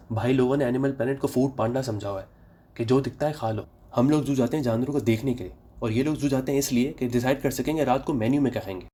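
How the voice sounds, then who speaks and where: A young man from Pakistan fires off sarcastic jokes at a brisk clip, his voice dark and mellow. He later turns to steady public health advice in the same quick delivery. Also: medium pitch. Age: young adult. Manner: sarcastic rapid-fire jokes. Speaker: comedy vlogger. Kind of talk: comic monologue then public health advice.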